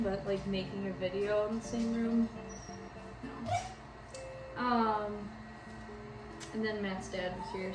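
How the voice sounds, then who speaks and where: A young woman with a Wisconsin accent chatting casually and self-deprecatingly as she bakes in her home kitchen. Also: a little high. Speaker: home baking vlogger. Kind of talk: casual chat while baking. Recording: roomy kitchen with background music.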